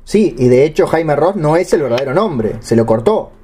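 A man's voice: fairly high pitch, animated, normal speed, mellow, slight background noise. An Argentine man with a Rioplatense accent, co-hosting a podcast, reading out listener questions with brief, dry retorts. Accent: Rioplatense Spanish. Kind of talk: comedic podcast banter.

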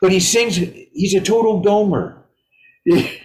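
A man's voice: sits high, slow, darkish tone. A man in casual chat, telling stories about his gigs and chuckling as he goes. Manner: storytelling, chuckling. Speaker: guest musician. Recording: roomy echo.

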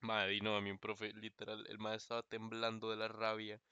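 A young man with a Costa Rican accent, co-hosting a casual livestream chat and telling animated stories. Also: lowish voice, brisk, clear, resonant tone, no room sound, highs cut off. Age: young adult. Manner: animated storyteller, mimics voices. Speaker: co-host.

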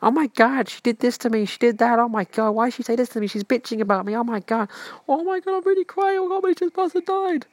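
A man putting on the voice of an overwrought young woman, gossiping and upset, with shrill, breathless exclamations. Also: fast talker, hardly any pauses, dry recording. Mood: distraught.

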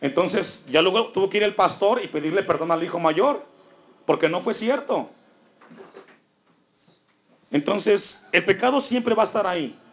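Preaching man, higher voice, rousing. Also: lively intonation, measured pace, long pauses. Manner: rhetorical questions to the congregation, rising emphasis. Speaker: pastor. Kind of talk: sermon.

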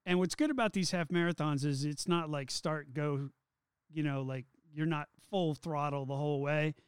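A middle-aged man co-hosting a casual chat, telling stories in a lively, self-mocking way. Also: a little high, moderate pace, clear, resonant tone, no room sound, studio quality. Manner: animated storyteller, playful and self-mocking. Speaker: podcast co-host.

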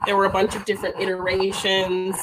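A woman's voice: medium pitch, completely flat delivery, brisk, noisy background. A woman chatting as a guest, laughing often and trailing off as she talks. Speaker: guest, league player. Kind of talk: casual chat.

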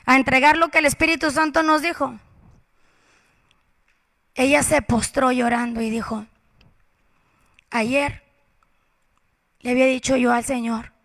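A woman preaching a passionate sermon, swinging from loud exhortation to hushed whispers. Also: high voice, vocal fry. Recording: reverberant hall.

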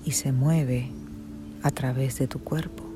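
A narrator leads a guided meditation in the soothing, hushed manner of a sleep story, leaving long pauses between phrases. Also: medium pitch, fairly even intonation. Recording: music behind the voice.

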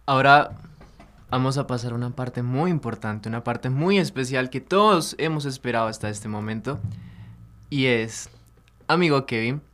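A man's voice: mid-range voice, moderate pace, a bit bright. Man hosting a podcast segment. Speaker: podcast host. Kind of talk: casual podcast chat.

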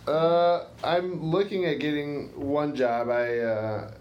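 A man's voice: fairly high pitch, fairly even intonation, takes it slowly, a little mellow, highs cut off. Young guy on a podcast, rambles, lots of ums, echoey room, bit of hiss. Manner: rambling, hesitant, many fillers. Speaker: podcast co-host. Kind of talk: casual chat. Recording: roomy room, faint hiss.

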